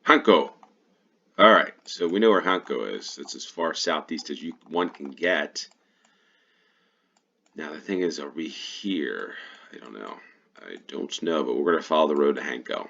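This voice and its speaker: A man's voice: rumbling low, animated, normal speed, gravelly, fairly bright tone, dull audio. An American man giving casual gameplay commentary as he plays, thinking aloud and correcting himself as he goes. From United States. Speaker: GeoGuessr player and host.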